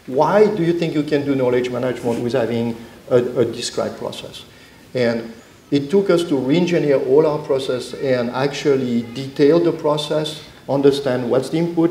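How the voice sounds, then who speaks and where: A man's voice: medium pitch, warm tone, roomy sound, low-quality recording. A middle-aged man speaking as a panelist on a conference stage, explaining earnestly with frequent restarts. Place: conference stage before an audience.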